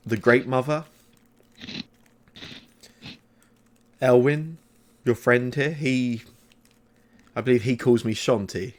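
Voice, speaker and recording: A man voicing a calm, ancient mother goddess in a tabletop game, with measured and formal phrasing. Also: medium pitch, close to an everyday voice. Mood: serene. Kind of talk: tabletop role-play.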